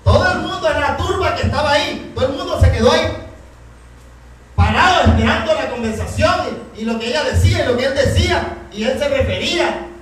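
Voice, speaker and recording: Impassioned high-voiced pastor in echoey hall. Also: male voice, a little fast, a bit bright, slight background noise. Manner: impassioned, keeps asking the congregation if they are listening. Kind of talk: sermon. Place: church hall. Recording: very echoey hall, mic far off.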